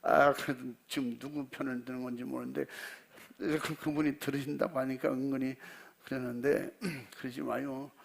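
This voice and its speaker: An older man preaching a sermon, telling a folksy personal story and acting out the dialogue, clearing his throat often. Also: medium pitch, steady tone, normal speed. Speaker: pastor.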